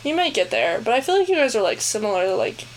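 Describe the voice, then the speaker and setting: A young adult woman co-hosting a casual chat show, talking freely with lots of "like" and quick impressions of people. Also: on the high side, big pitch swings, slight background noise. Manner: chatty, full of "like" and bits of mimicry. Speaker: podcast co-host. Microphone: headphones, on camera.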